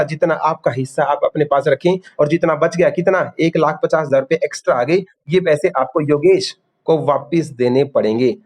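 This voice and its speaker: A man teaching an online class uses a fairly high pitch and a darkish tone. Calling students "beta," he hammers on key terms and tests them with rapid-fire questions.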